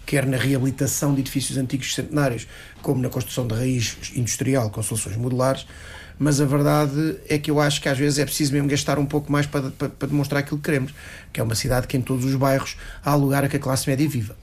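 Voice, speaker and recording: Pushing his point on a panel, a local politician with a European Portuguese accent talks quickly and insistently, frequently restarting and repeating himself. He has a mid-range voice with a level, darkish tone.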